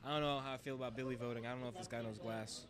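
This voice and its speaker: A man's voice: mid-range voice, fairly even intonation, racing, a crowd in the background. Man, casual stream host, joking, rambling, people chattering in the room behind. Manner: laid-back, joking, rambling. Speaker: host and commentator. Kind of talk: casual live-stream commentary. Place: glassblowing studio with people around.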